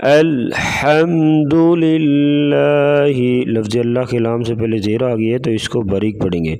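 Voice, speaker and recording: A man with a Pakistani Urdu accent giving a tajweed lesson, drawing recited words out slowly and then explaining in brisk plain speech. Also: on the low side, steady tone, dark tone. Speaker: Quran recitation teacher.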